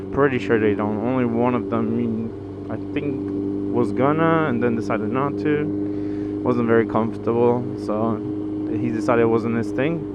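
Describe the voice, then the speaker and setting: Medium in pitch, a Brazilian vlogger in his twenties chats loosely while motorcycling through city streets, rambling with plenty of fillers and restarts. The recording, from an action camera fixed to the motorcycle, is muffled, with loud engine and road noise.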